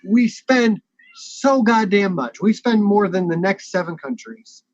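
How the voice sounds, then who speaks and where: A man's voice: high voice, no echo. A man talking with passion in a casual online panel discussion, often stopping and restarting his sentences. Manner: impassioned, halting with many restarts. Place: at home at a computer. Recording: dry, muffled web call audio.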